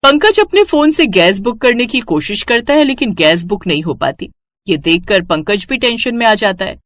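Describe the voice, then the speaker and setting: A woman narrating a scripted cartoon story with steady, expressive delivery. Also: mid-range voice, normal speed, a little hiss or hum.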